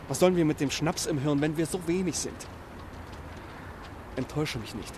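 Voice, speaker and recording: An actor playing an agitated revolutionary comrade in a stage play, pleading urgently with a friend. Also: male voice, a little high, background noise, natural voice.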